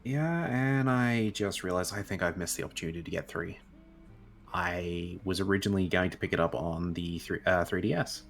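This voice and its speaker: This interview guest on an online program is a man with a low voice speaking at normal speed, soft music playing behind him. Casual and chatty, he rambles through his stories and corrects himself as he goes.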